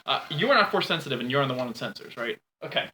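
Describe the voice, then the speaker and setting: Bright-voiced man running a tabletop game. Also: mid-range voice, lively intonation, low-quality recording. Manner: reads lore in a measured voice, laughs between rulings. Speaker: game master.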